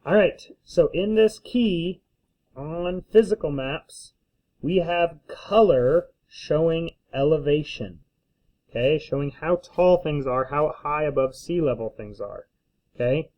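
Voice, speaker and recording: Guy teacher explaining stuff casually step by step, bit high voice, muffled lo-fi recording. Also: slow. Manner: checks in often with "okay?". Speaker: school teacher. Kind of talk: casual instructional screencast. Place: indoors at a desk, recording a screencast. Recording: slightly dull lo-fi screencast audio.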